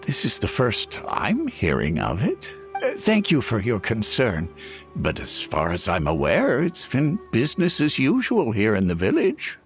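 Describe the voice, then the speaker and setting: An actor playing a forgetful elderly village grandfather who speaks politely and slowly. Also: mid-range voice, wildly swooping pitch, faint music behind. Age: older.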